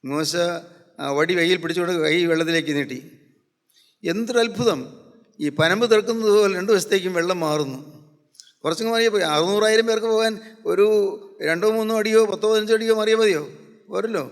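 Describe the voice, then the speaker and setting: A man's voice: sits high, fast, pauses often. A man preaching a gospel sermon in a fervent, repetitive style. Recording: long hall reverb.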